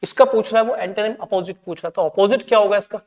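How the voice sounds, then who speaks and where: The teacher talks fast in a high-pitched voice with a darkish tone, and a long reverb tail follows his words. Reviewing answers for English exam prep, he switches between Hindi explanation and reading English lines, often asking "ठीक है?".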